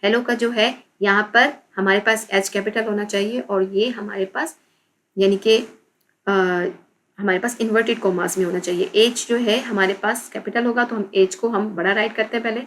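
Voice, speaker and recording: Lady teacher explaining a textbook, spells words out slowly, bit of background hiss. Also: medium pitch, steady tone, low-quality recording. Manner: explains in Urdu, reads English slowly and spells out letters.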